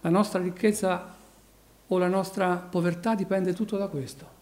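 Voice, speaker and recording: A man from Italy preaching a sermon, rising loud on key phrases and then dropping low. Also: little pitch movement, normal speed.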